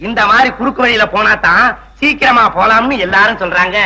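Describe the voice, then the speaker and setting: A man's voice: high voice, fast talker, bright, forceful tone, full character voice, low-quality recording. An actor playing a lovesick young suitor pleading with his beloved in a film. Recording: clear background noise.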